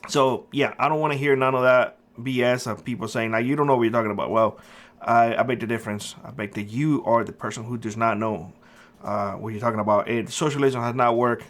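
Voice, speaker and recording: Brisk and a bit bright, a medium-pitched male voice with fairly even intonation belongs to a middle-aged Cuban prepper-channel host. He offers his opinions to camera in a casual, earnest and emphatic monologue peppered with fillers.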